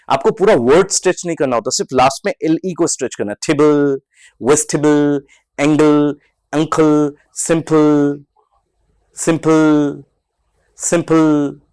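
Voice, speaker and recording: Male trainer, Indian accent, measured drill delivery, mid-pitched voice. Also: darkish tone. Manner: drills sounds, repeating example words one by one. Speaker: English trainer. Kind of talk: spoken accent lesson.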